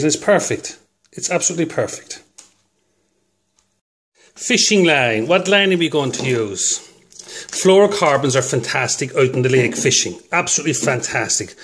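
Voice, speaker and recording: Slight background noise accompanies a man with a mid-range, somewhat bright voice offering fishing advice at home. As the host of a fishing video, he shoots his hands on a phone, chats loosely to camera and laughs at his own jokes.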